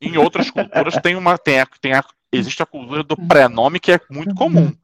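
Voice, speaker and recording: A man's voice: a little fast, crowd noise. A Brazilian man chatting casually and profanely about a TV series, often exasperated. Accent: Brazilian Portuguese. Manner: animated, profane, jumps up in pitch when exasperated.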